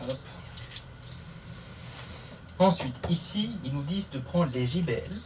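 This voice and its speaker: Slow-paced and a little high, the man's voice has lively intonation as he vlogs a motorcycle tutorial, chatting to camera and muttering through the steps. A distant mic captures him along with clear background noise.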